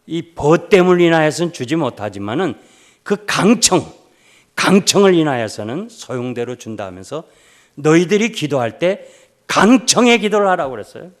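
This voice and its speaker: Older Korean pastor preaching emphatically. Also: male voice, mid-range voice. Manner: emphatic, swings between loud urging and soft storytelling. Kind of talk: revival sermon.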